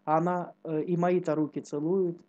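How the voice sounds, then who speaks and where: A narrator reading a religious tale aloud in a slow, measured way. The voice is dark and mellow. The sound is dull and lo-fi. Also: mid-range voice, little pitch movement.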